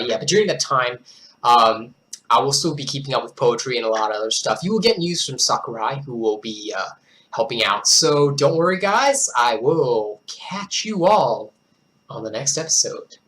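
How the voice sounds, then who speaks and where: A young man from Singapore reads fan stories aloud in a casual video. His voice is middle-pitched, lively and full of swings, and his talk is animated and digressive. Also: moderate pace. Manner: animated and digressive, laughs at his own asides. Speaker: YouTuber reading fan stories. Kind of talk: casual story reading video.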